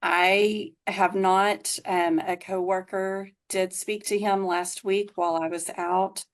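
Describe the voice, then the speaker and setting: A woman's voice: medium pitch, level tone, slow. A woman testifying as an investigator in a courtroom recording, giving formal, brief, factual answers.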